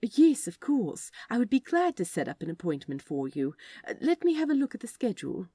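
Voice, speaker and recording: Woman voicing Aziraphale, a gently fussy mellow receptionist man. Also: a little high, very animated, fairly quick, husky, dry recording, clean studio sound, pitched above the performer's own voice. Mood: courteous, businesslike. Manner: genteel, old-fashioned, prim phone courtesy. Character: polite, fussy, warmly flirtatious male office receptionist.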